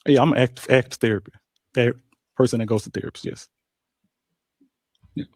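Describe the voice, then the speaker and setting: A man's voice: medium pitch, fairly even intonation, a little mellow, no echo. Hesitant male dating show contestant. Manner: halting, many fillers and restarts. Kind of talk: casual answers on a dating show.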